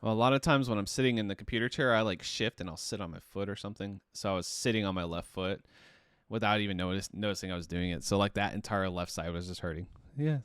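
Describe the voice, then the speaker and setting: A man with a low, smooth, resonant voice talks loosely and casually as a podcast co-host. He rambles with frequent fillers and false starts. The sound is dry and close. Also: fast talker, no echo. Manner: rambling, relaxed, with many fillers and restarts. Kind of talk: casual chat.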